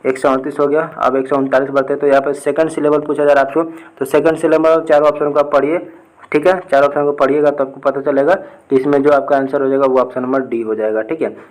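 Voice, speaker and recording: A man's voice: mid-range voice, little pitch movement, fast talker, a little mellow, poor audio. A young man tutoring students through exam answers in a casual lesson, checking in with "okay" after nearly every point. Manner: repeats "ठीक है" often, talks students through answers.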